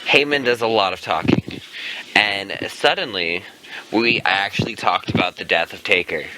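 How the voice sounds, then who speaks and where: A man's voice: lowish voice, very noisy. A man co-hosting a casual podcast, steering the chat and arguing back with blunt, profane remarks. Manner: animated, profane, quick to argue back. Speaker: podcast co-host steering the segments.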